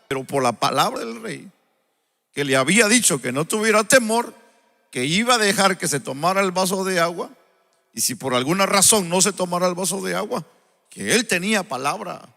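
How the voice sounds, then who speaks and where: A male preacher gives a live sermon after an opening prayer in a church sanctuary. He tells stories slowly and often checks in with the congregation. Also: high voice, creaky, pushed and bright. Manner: unhurried storytelling, often asks the congregation "¿verdad?". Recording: long church-hall reverb.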